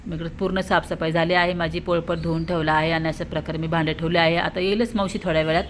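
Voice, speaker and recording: Chatty homemaker woman, lowish voice. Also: level tone, quick pace, a little hiss or hum. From Maharashtra. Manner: chatty, homely, explains step by step to viewers. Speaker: vlogger and mother. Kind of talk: casual vlog narration to viewers. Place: her flat, at home.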